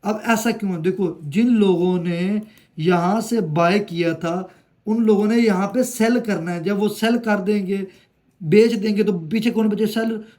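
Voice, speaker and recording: A man's voice: high-pitched, a little mellow. A man teaching trading in a casual screen-share lesson, chatty and affectionate, often pleading with viewers to like and comment. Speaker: trading tutor.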